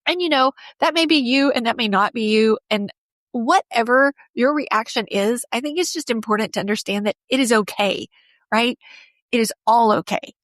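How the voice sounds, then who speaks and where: A woman's voice: fairly high pitch, normal speed, fairly bright tone, no room sound, studio quality. A middle-aged woman hosting her own podcast, talking casually and openly, speaking straight to her listeners. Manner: chatty, open, addresses listeners directly. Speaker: podcast host. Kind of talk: casual solo podcast talk.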